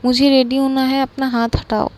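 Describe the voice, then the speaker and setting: A woman's voice: sits high, little pitch movement, normal speed, a little mellow, pitched above the performer's own voice, natural voice. A woman acting out a shy young woman, teasing and flustered. She trips over her words when cornered and keeps pushing back half-heartedly. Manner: flustered, stammering protests.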